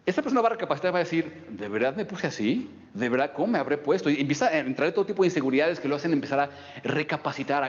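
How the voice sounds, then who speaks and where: A man giving a motivational self-help lecture, explaining patiently and checking in with "ok?" often. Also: a little high. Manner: explanatory, frequent "¿ok?" check-ins. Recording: dull recording with long reverb.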